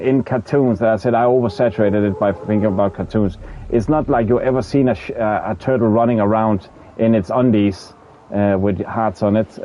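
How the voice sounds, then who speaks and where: A streamer with a Danish accent, Danish being his native language, chats casually with viewers during a game livestream. His voice sits on the low side with lo-fi sound, and he stumbles and repeats words while searching for the right English term, swearing in frustration.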